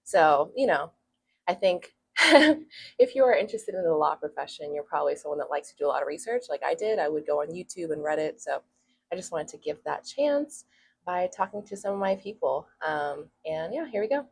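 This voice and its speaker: Chatty young woman, low-pitched. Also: lively intonation, brisk, vocal fry, breathy edge, low-quality recording. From Hungary. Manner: chatty, laughs often, many fillers. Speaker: law student host. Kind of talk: casual interview talk.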